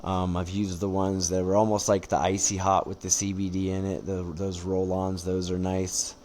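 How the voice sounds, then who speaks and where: Low-voiced man chatting in an interview. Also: level tone, normal speed, a little mellow, a little hiss or hum. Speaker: interview guest, combat sport competitor. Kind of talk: casual podcast interview chat.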